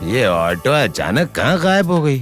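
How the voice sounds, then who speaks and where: A pushy desperate seeker. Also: male voice, mid-range voice, big pitch swings, measured pace, over music. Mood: pleading. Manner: pleading, pushy. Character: desperate man hunting for a woman. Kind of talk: Hindi TV serial acting.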